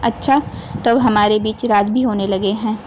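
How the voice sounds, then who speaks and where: A woman voicing a gentle young romantic husband who speaks softly and tenderly in an audiobook. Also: mid-range voice, fairly even intonation, moderate pace, slight background noise, natural voice. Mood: teasing. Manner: soft, tender, teasing.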